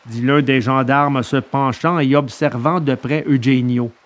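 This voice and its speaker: Expressive male storybook narrator. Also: mid-range voice, a little slow. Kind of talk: audiobook reading of a children's tale.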